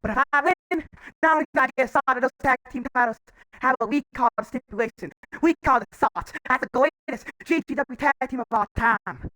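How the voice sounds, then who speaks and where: High, bright-voiced man taunting in a promo. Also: fairly quick, no echo, poor audio. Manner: defiant, taunting trash talk. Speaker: wrestling promo role-player. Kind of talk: wrestling promo role-play.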